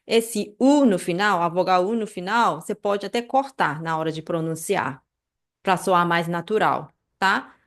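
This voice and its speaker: A woman teaching a casual live online class, chatty and animated, checking in with listeners often. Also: fairly low pitch, unhurried. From Brazil. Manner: chatty, many fillers like "né" and "tá", animated asides. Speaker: Japanese language teacher.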